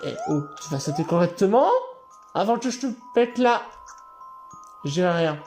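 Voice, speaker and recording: A man doing let's play commentary, excitable, swearing and yelling at the game. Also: high voice, unhurried. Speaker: gaming channel host. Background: game music.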